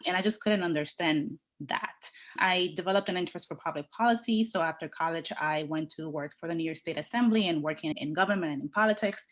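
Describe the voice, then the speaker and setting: Low-voiced woman from the Dominican Republic. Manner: earnest, measured, builds points in lists. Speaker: guest, workforce development leader. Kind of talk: podcast interview, telling her career story.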